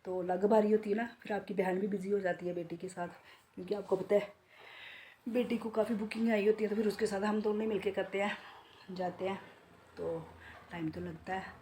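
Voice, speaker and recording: A woman in her forties vlogging casually from home in a chatty, relaxed way, talking straight to viewers, her throat a bit sore from a cold. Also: mid-range voice, fairly quick, slight background noise. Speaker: beauty salon owner and vlogger. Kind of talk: casual home vlog chat. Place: home, indoors.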